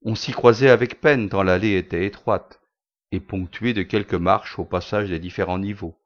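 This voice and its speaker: A man reading a short story aloud in a measured, unhurried way. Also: on the low side, steady tone. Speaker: narrator. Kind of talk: scripted story narration. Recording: dull lo-fi recording.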